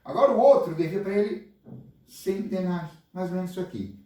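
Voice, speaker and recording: A man's voice: high voice, fairly quick. A man with a Brazilian accent, a preacher telling a Bible story to children and asking them questions. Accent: Brazilian Portuguese. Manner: animated, asks the listeners questions. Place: church hall. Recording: echoey hall, voice far from mic.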